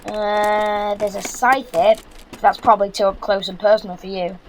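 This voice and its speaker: A young man acts the part of an earnest British son in a zombie audio drama, giving practical, bossy instructions in a light, high voice. His tone is level and brisk at a normal speed. The low-quality recording carries faint background noise.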